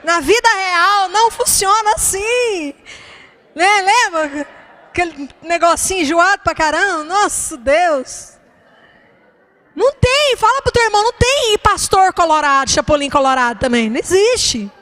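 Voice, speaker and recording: A woman's voice: very high-pitched, expressive, a little slow, sharp tone. A woman pastor, preaching a fervent sermon and calling out to the congregation.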